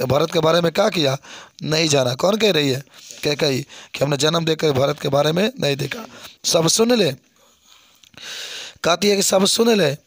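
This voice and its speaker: A man's voice: on the high side, no echo. A man teaching a Hindi poem line by line, reading each verse and then explaining it, repeating key phrases and checking whether his students are following. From India.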